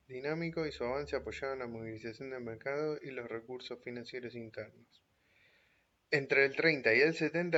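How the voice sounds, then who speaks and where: A man reads an economics chapter aloud at a steady, measured pace, going back now and then to reread a phrase. His voice sits at an ordinary middle pitch. The recording is dull and lo-fi. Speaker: reader of an economics text. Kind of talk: reading a book chapter aloud.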